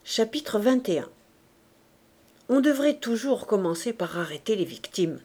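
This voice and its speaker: A woman reading a classic novel aloud as an audiobook narrator, clear and measured. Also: mid-range voice, big pitch swings, dark tone. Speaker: audiobook reader.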